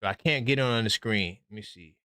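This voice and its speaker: Bright, animated sports-stream host man. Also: on the low side, quick pace, clean tone. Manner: animated, breaks in with updates, talks straight to viewers. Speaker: host of a sports call-in livestream. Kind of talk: excited live sports talk.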